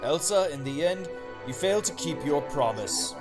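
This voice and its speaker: Guy doing a noble fairy tale knight, kinda high male voice, solemn n declamatory, loud music under it. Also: lively intonation, moderate pace, close to an everyday voice. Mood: sad, resolute. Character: noble solemn young swan knight, loving but firm. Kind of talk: dubbed fairy tale cartoon. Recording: music behind the voice.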